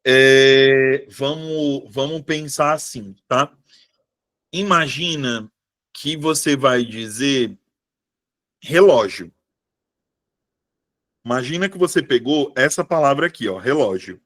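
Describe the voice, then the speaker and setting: A man's voice: medium pitch, slow pace, pauses often, a bit bright. A male teacher, giving a casual live online class and checking in with his students all the time. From Brazil. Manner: chatty, asks students constant checking questions. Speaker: Portuguese teacher for civil service exam prep.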